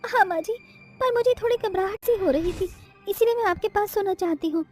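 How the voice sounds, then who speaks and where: A woman voicing a gentle, anxious young bride in a cartoon story, speaking softly and pleadingly. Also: very high-pitched, fairly quick, faint music behind, pitched above the performer's own voice. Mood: timid. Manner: soft, pleading.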